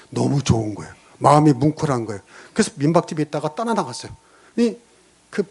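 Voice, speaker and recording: A middle-aged pastor preaches a sermon with a lively, swinging delivery, his voice sitting a little high for a man. He tells stories and keeps asking his congregation questions. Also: husky. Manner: animated, storytelling, rhetorical questions to the congregation.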